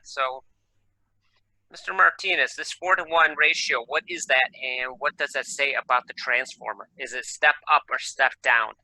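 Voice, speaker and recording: A man's voice: medium pitch, pushed and bright, no echo, poor audio. A man teaching an electronics class over a video call, talking casually and thinking aloud as he works the screen share. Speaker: electronics instructor. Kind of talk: live online class lecture.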